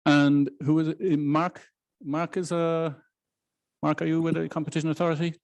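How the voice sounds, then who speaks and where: A man lecturing on law to a hybrid audience, speaking in a measured way with frequent restarts and fillers. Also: on the high side, level tone, a little mellow. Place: lecture room in Brussels, hybrid with online audience.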